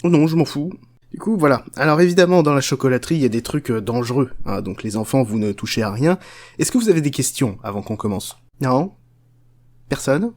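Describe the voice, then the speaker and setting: Dude playing a sweary unhinged chocolate factory boss, rambly and offhand, mid-pitched voice. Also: male voice, lively intonation, a little fast, a little mellow, lightly acted. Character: crude, foul-mouthed, unhinged chocolate factory owner. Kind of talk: comic parody storytelling.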